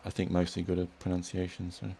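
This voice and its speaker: A young man hosting a casual chat, relaxed and rambling with restarts. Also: low-pitched, fast talker, creaky, a little hiss or hum. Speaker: host.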